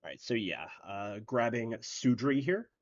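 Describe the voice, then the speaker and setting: A man's voice: medium pitch, lively intonation, unhurried, no echo, lo-fi sound. A man hosting an online card tournament, talking through each play in a rambling, casual way with lots of fillers. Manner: rambling, filler-heavy, explains plays as he goes. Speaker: tournament host and commentator. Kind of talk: casual live-stream commentary.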